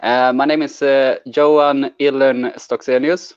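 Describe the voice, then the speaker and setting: A man's voice: medium pitch, flat delivery, a little slow, smooth, dry recording. A man from Sweden, a guest telling stories in a laid-back way with lots of "uh". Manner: laid-back storytelling with many fillers. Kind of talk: casual chat. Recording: dry, dull lo-fi sound.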